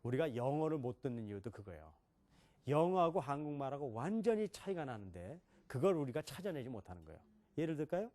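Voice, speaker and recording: A man's voice: mid-range voice, big pitch swings, fast, warm tone. A middle-aged man giving a classroom lecture on English pronunciation, questioning his listeners and demonstrating sounds.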